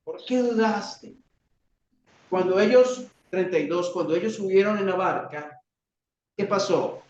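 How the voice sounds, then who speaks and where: A man's voice: high-pitched, normal speed, darkish tone, recorded from a distance. A man with a Colombian Spanish accent preaching a sermon, asking rhetorical questions and acting out cries for help. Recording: roomy, dull church recording.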